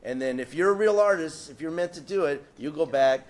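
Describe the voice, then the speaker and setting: A man with a slightly high, expressive voice speaks briskly as a panelist at a live event before an audience. He's a political cartoonist, and his casual panel talk rambles with lots of fillers, restarts, and regular jokes.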